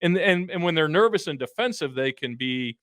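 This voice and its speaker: A man's voice: fairly high pitch, lively intonation, a little fast, a bit bright, no room sound, studio quality. Blunt joking man in his fifties. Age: 50s. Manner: blunt, joking, folksy analogies. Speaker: financial advisor co-host. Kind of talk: casual radio talk.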